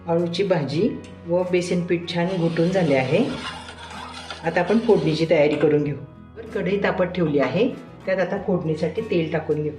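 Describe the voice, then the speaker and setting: Low-voiced woman narrating a recipe. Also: normal speed, roomy sound, soft background music. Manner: calm, homely, repeats 'chhan' and 'mast'. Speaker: cooking channel host. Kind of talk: step-by-step cooking narration.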